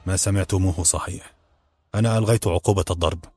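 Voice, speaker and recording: A man's voice: deep voice, steady tone, fast talker, a little mellow, husky, dry recording, soft background music. Man voicing a curt, impatient Egyptian ruler. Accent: Egyptian Arabic. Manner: curt, dismissive.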